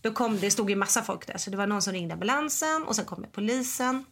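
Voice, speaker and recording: A woman in her forties chatting casually, retelling a story in a lively way and acting out what people said. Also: medium pitch. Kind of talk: casual chat, telling a story.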